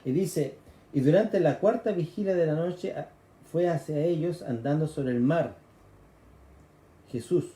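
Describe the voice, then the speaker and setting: A man's voice: a little high, measured pace, long pauses, mellow, echoey room. A man with a Chilean accent preaching a sermon, explaining scripture conversationally and acting out the cries of frightened people. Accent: Chilean Spanish.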